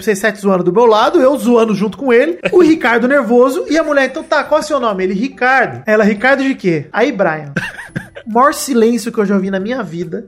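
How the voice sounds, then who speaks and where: A young man telling a funny story in casual chat, animated and laughing as he goes. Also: very high voice. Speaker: guest storyteller.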